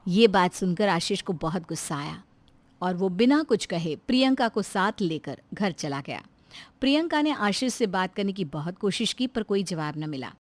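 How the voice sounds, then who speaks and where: A woman narrating a cartoon moral story in a scripted, expressive storytelling manner. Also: mid-range voice, normal speed, no room sound.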